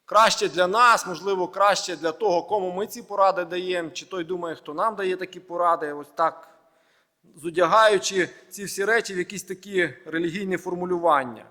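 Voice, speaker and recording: A man pastor giving a sermon, preaching in measured short phrases and building emphatic lists. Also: high voice, pushed and bright. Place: church hall. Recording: long reverb of a large hall.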